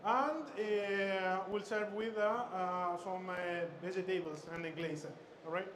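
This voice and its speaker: Chef instructor from Chile, male, raised pitch, stop-start cooking demo patter over loud expo noise. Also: fairly even intonation. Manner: halting, many fillers and repeated words. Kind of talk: live cooking demonstration. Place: expo stage. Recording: noisy expo hall ambience.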